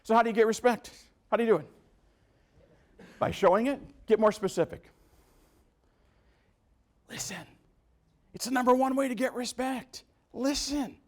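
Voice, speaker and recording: Speaking at normal speed with long pauses, a man from New York with a very high-pitched voice gives a motivational talk at a business meeting. He's animated, quizzing the audience and acting out quotes.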